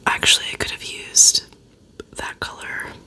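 A woman in her twenties gives a casual ASMR chat entirely in a hushed whisper. Her delivery is unhurried, with pauses between short phrases. The breathy, voiceless sound sits close to the microphone. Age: 20s. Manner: whispering throughout, unvoiced and hushed. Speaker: ASMR video host. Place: small dim bedroom, indoors.

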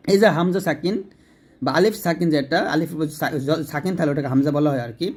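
A man teaching Quran recitation, explaining pronunciation letter by letter and reciting slowly with drawn-out tones for listeners to repeat. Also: a little high, slightly rough.

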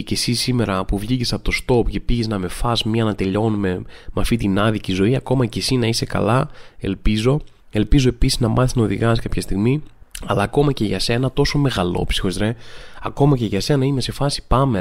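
A man's voice: on the low side, creaky. A man hosting a podcast, telling comic everyday stories and mimicking people in a raised voice. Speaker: podcast host. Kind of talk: comedic monologue.

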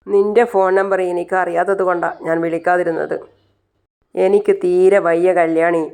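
Weary sick mother, slow pleading delivery, read by a woman storyteller. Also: fairly low pitch, darkish tone, clean tone, close to an everyday voice. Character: ailing middle-aged mother, weary and pleading.

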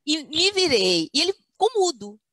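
A woman's voice: high-pitched, sing-song, moderate pace, pushed and bright, dry recording. A woman academic, telling stories in a webinar chat and acting out quotes in a firm motherly voice. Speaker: guest speaker, university academic. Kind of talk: webinar conversation, storytelling.

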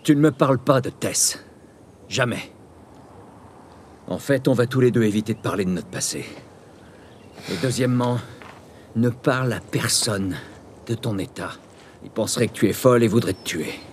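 A man's voice: medium pitch, normal speed, pauses often, slight background noise, natural voice. An actor playing a hardened middle-aged male smuggler in a game dub, curt and commanding as he lays down rules. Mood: stern. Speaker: game character, French dub.

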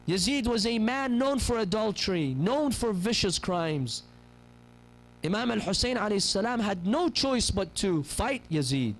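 Guy in his 30s giving a sermon into a gooseneck mic, fairly high voice, acts out the people in his stories. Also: poor audio. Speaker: preacher. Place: mosque hall, seated on a pulpit chair. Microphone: gooseneck microphone on a stand.

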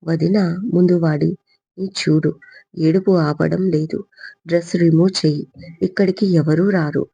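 A woman's voice: low-pitched, steady tone, normal speed, creaky, dark tone, husky, heavily acted. A woman voicing a caring, helpful young sister-in-law in an audio story. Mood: urgent. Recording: dull lo-fi recording.

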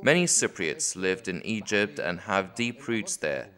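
A man reads a translated interview as a voice-over in English. He speaks calmly and evenly, and his voice sits on the low side. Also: unhurried.

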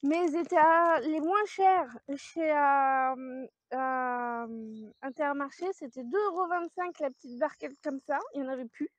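A woman's voice: sits high, unhurried, dry recording. A woman chatting casually to camera about her grocery haul, rambling with many fillers and little laughs. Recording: dry, dull lo-fi sound.

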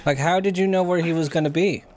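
A man's voice: fairly high pitch, fast, a little mellow, slight background noise. A man giving casual, wry let's play commentary, heckling the game as he plays. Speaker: video game player commentator.

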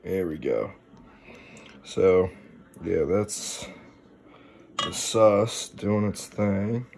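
A man's voice: low voice, animated, drawn-out words, creaky, darkish tone. A young adult man chatting in a laid-back, rambling, sweary way, full of slang, as in a home food vlog. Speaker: food challenge vlogger. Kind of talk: casual, rambling vlog chat. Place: at home, kitchen and small room. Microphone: handheld phone, later camera on desk.

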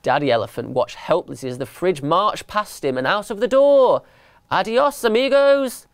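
Animated man reading a storybook. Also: fairly high pitch, normal speed, no echo. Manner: expressive and animated. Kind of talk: children's picture-book read-aloud.

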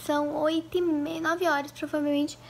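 A young woman with a high voice chats casually into a handheld camera at home, rambling and full of fillers. Now and then she drops into fond baby talk for her cat. A faint room ambience hums behind her. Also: flat delivery, normal speed, vocal fry, a little hiss or hum. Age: young adult. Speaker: vlogger. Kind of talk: casual vlog chat. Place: at home, first kitchen then living room.

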